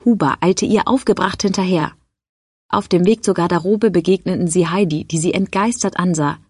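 Lady reading an audiobook, low husky voice, dry close sound. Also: normal speed, a little mellow, no echo. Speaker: narrator. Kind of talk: audiobook narration.

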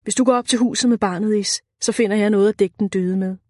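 A steady, tall lighthouse keeper from a storybook, voiced so that he keeps his head under strain, as a woman reading the tale puts him on. The voice is her own dry, close sound with no room around it. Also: medium pitch, no echo, natural voice. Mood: calm. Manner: shouts urgently, then speaks calmly.

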